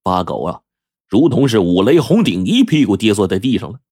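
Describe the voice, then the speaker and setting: A man telling a folk tale in a lively, dramatic storytelling manner, drawing out his phrase endings. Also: fairly low pitch, brisk, husky, no room sound, studio quality.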